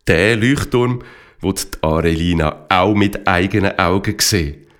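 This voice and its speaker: A man narrating a children's story with slow, lively reading. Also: low voice.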